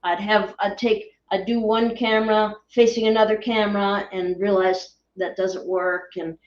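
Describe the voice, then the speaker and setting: A woman's voice: medium pitch, flat delivery, normal speed, lo-fi sound. Distant roomy-sounding woman on a call. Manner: hesitant, many fillers and restarts. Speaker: guest sharing orb photos. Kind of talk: casual explanatory chat.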